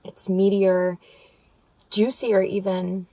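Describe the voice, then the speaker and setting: A woman's voice: medium pitch, level tone, slow pace, warm tone, no room sound, rough recording. Casual American woman chatting while eating fried chicken. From United States. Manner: talking between bites of crunchy fried chicken. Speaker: food vlogger, mukbang host. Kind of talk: casual food review chat while eating.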